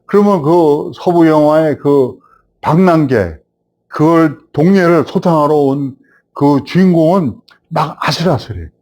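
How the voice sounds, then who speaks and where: A man in his seventies, a film director, telling a host stories from his past and growing animated as he recalls it. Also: fairly high pitch, unhurried. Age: 70s. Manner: animated storyteller, rising when recalling the past. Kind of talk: reminiscing storytelling.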